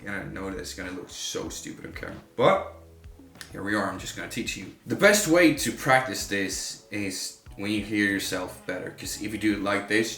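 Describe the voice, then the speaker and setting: A man's voice: fairly low pitch, fairly bright tone. A man giving casual, informal vocal coaching to camera, talking like a working vocalist. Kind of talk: casual instructional talk to camera. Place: room with a home studio setup. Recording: roomy echo, faint music behind.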